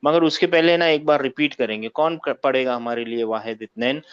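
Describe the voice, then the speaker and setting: A man's voice: mid-range voice, fairly quick, clean tone. Man teaching class over a muffled call. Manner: keeps asking students for confirmation. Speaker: Arabic teacher. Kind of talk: online grammar class. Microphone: video call.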